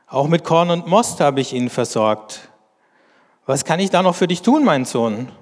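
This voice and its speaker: Man reading scripture in a reverberant hall. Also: fairly high pitch. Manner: slow, deliberate reading with measured explanation. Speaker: bible teacher.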